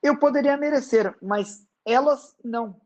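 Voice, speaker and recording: A man's voice: very high voice, measured pace, a little mellow, voice pushed up. A man voicing a grieving father who pleads in a raised, desperate voice, in a dramatized book reading. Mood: anguished, questioning.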